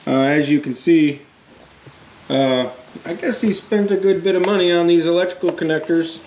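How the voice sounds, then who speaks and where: A man who sounds under the weather, giving a casual, halting how-to vlog talk in a low-key, plain-spoken way. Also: slight background noise. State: under the weather, sick with a cold. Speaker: host of a DIY motorcycle repair channel.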